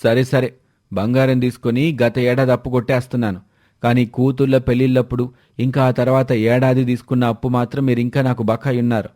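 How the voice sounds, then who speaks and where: A bullying village moneylender in a plain middle-pitched male voice, as the narrator plays him. He scolds and demands without letting up. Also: little pitch movement, fairly quick, dark tone, close to an everyday voice. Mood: harsh.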